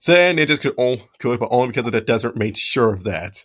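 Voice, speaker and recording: A man's voice: medium pitch, expressive, fast talker, a bit bright. Rambling, joking man on a podcast. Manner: rambling, joking, restarts sentences. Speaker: podcast co-host. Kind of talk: casual chat and reading aloud.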